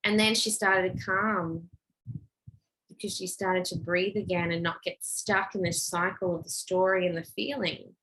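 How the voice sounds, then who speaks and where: A woman's voice: fairly low pitch, steady tone, unhurried, fairly bright tone, low-quality recording. A middle-aged woman giving a casual teaching talk on parenting, chatting freely and acting out little dialogues in a lifted voice. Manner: conversational, acts out quoted dialogue in a lifted voice. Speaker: parenting and emotional intelligence speaker.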